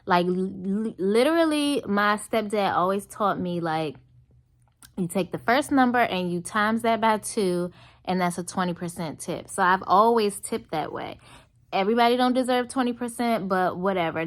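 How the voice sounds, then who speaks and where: An American woman telling a story as a casual, emphatic rant to her viewers, animatedly acting out dialogue as she goes. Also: mid-range voice. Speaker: vlogger addressing viewers.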